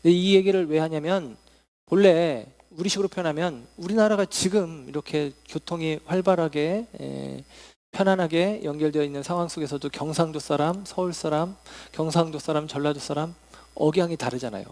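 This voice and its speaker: A middle-aged man preaching a sermon as pastor, earnest, slowing and dropping to a hush when he quotes scripture. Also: a little high.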